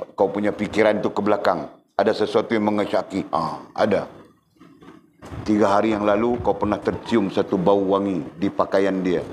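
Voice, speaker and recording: A middle-aged man with a low, slightly mellow voice delivers a religious lecture in a conversational manner, teasing his listeners with questions. He is a religious teacher, and there's a bit of background noise.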